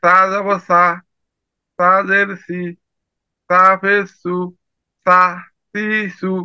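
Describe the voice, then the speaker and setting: A man recites syllables in a slow, flat sing-song, one letter at a time. His high voice is bright and a little gravelly. It comes through a dry, muffled online call. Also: no room sound. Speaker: student. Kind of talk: reciting Arabic letter drills.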